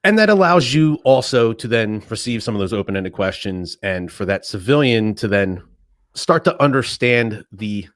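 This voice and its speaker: A man's voice: lowish voice, expressive, moderate pace, no echo, studio quality. A man who is a military veteran co-hosting a podcast, talking casually and acting out quoted remarks with animation.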